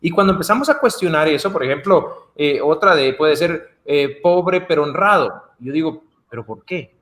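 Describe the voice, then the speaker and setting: Chatting informally as a video-call guest, a Guatemalan Spanish-speaking man imitates the people he quotes. His voice is a little high and a bit bright, moving at an ordinary pace.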